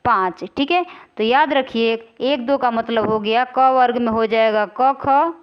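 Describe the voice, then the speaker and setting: A woman teacher works through exam questions, stretching out key terms and repeating them. She keeps asking rhetorical questions to check that her students follow. Her voice is smooth and rather high, and the audio is slightly dull. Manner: explains slowly, repeating and drawing out key words. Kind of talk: exam-prep grammar lesson.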